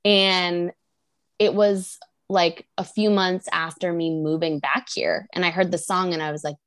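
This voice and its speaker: Brief: woman, 30s, podcast co-host, lowish voice, chatty and giggly, dry close sound. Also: fairly even intonation, a little slow, no echo. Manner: chatty, laughs often, lots of fillers. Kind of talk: casual chat.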